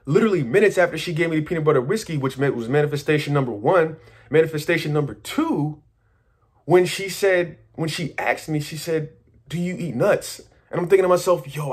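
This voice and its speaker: A man talking casually to his viewers, rambling excitedly through a story with slang, swearing and many restarts. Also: fairly high pitch, slightly rough. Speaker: manifestation coach.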